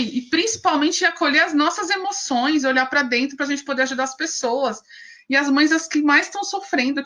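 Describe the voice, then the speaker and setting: A woman's voice: high-pitched, pushed and bright. A woman psychologist and mother with a Brazilian Portuguese accent, giving advice in a conversational live-stream talk and often checking in with her audience. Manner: conversational, keeps addressing the audience with tag questions.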